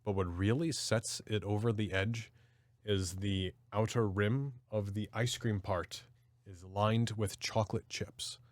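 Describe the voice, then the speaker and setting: A man with a low voice talks casually as a podcast co-host, getting animated as he describes things. The sound is dry and close, with no room echo. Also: a little slow. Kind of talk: casual chat.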